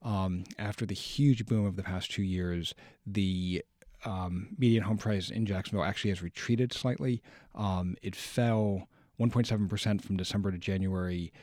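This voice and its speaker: A low-voiced man talks as a studio guest on a radio show, dry and close to the mic. He explains things in a measured way and often trips over his first words before finding the thought. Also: steady tone, a little mellow, no echo. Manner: measured, explanatory, stumbles on restarts. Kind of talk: radio talk commentary.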